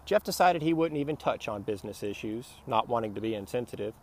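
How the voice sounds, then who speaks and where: A man narrating a business novel in a steady, plain storytelling voice. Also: medium pitch, fast talker. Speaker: audiobook narrator. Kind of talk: scripted narration.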